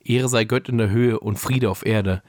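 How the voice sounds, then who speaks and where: A man's voice: lowish voice, steady tone, moderate pace, a little mellow, dry recording. A young man co-hosting a casual podcast with dry, teasing humor and reading a holiday story aloud. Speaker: podcast co-host and story reader.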